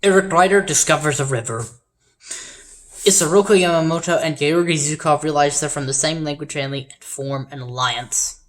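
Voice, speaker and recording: A woman's voice: sits low, normal speed. A woman casually reading out the events of a game simulation, tripping over names and adding sheepish, wry asides. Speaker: game player narrating events.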